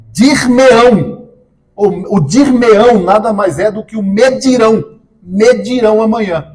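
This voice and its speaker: A man from Brazil gives an exam-prep grammar class in a fairly high voice. He jokes with the students, asks them questions and then answers them himself. He reads the example words slowly and loudly. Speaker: teacher.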